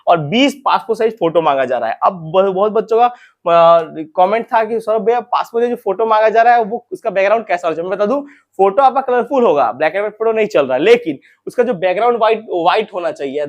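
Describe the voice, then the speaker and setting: Casting note: young male host, high voice, quick and chatty, keeps repeating key points to his viewers. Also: lively intonation. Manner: addresses viewers as friends and brothers. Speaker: recruitment info channel host. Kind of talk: informal advice talk to viewers.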